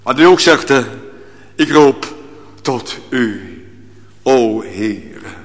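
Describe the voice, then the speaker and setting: A man preaching a sermon as pastor, swinging between loud, rising calls and hushed, low passages. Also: expressive, drawn-out words. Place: church. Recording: long church reverb.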